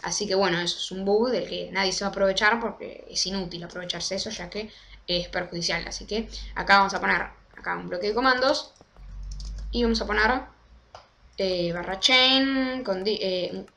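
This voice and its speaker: A young woman, casually walking through a game tutorial step by step and slowing down to spell out commands. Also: medium pitch, vocal fry, pushed and bright, a little hiss or hum. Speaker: Minecraft tutorial creator. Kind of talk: casual screen-recorded tutorial.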